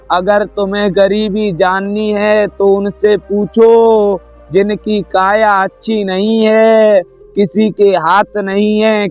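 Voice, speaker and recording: A serene, wise spiritual teacher, as a male narrator reads him, high-pitched for a man and speaking in an even, flat tone. He counsels gently and slowly. The sound is dull and lo-fi, with faint music underneath. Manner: gentle, instructive.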